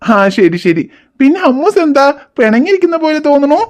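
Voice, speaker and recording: A woman's voice: high-pitched, sing-song, fairly quick, darkish tone. A woman voicing an affectionate father in a cartoon. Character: fond cartoon father, young man. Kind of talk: cartoon voice acting.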